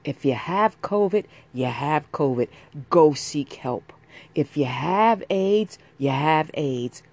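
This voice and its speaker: A woman speaks as a podcast host with a sultry, intimate delivery. Her pace is slow and lingering, as in a personal show introduction. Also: low voice, expressive, a little mellow. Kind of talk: scripted-sounding podcast intro.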